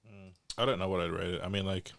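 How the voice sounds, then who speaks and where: A man's voice: deep voice, fairly even intonation, quick pace, vocal fry, fairly bright tone, no echo. A man co-hosting a casual podcast chat, laid-back and trailing off. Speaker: podcast co-host.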